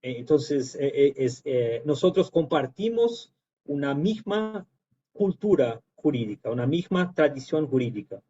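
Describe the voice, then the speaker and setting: A Brazilian man with a Portuguese accent giving informal academic remarks in Spanish mixed with Portuguese, haltingly searching for words as a native Portuguese speaker. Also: on the high side, very animated, mellow, breathy edge. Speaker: guest lecturer. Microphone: video call. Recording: dull lo-fi online call.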